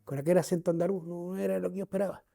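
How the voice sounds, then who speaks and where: A man's voice: high-pitched, racing, gravelly. A man with a Canarian accent playing a proud older Canarian man, telling his own life story straight to a touring audience. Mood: proud storytelling. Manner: lively storyteller, addresses listeners directly. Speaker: actor on a theatrical walking tour. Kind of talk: theatrical first-person storytelling.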